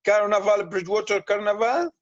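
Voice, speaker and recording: A man from Syria with a Syrian Arabic accent, talking on a video call in halting, simple English with lots of repeated words, tired and thirsty from fasting. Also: high-pitched, fairly even intonation, no room sound, highs cut off. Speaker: guest. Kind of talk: casual chat on a video call.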